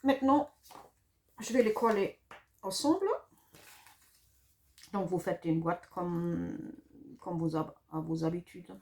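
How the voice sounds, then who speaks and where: A woman's voice: on the low side, slow pace, long pauses, darkish tone. A middle-aged woman from Germany with a German accent, explaining a paper craft project in a casual, hesitant way with many fillers and self-corrections. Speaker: craft demonstrator.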